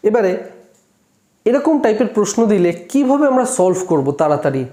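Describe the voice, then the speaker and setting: A man's voice: high voice, very animated, fairly quick, dark tone. A man teaching a class at a board, counting aloud step by step and checking his work. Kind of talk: classroom lesson. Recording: echoey room.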